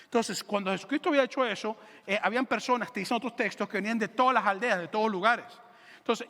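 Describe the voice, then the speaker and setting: Animated pastor preaching. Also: male voice, high voice, in a large hall. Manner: lively, joking, animated preaching. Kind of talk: sermon. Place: church auditorium. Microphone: handheld microphone.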